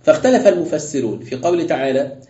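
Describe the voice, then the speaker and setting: Male sheikh, brisk lecturer, higher voice, dull roomy recording. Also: lively intonation, warm tone. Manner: explains step by step, asks rhetorical questions. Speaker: sheikh teaching tafsir and fiqh. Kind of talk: classroom lecture with questions.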